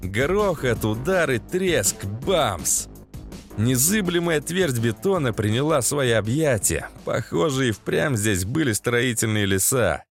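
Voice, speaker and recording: A man narrating an audiobook in the first person, in a lively, coarse-spoken way. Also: mid-range voice, slow, soft background music.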